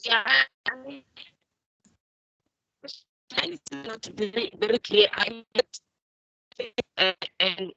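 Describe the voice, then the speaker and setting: A woman advocate on a video call, answering questions in halting speech with many repeated words while her audio breaks up and glitches. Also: on the high side, gravelly, pushed and bright, no room sound. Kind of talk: online webinar Q&A. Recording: dull lo-fi call line.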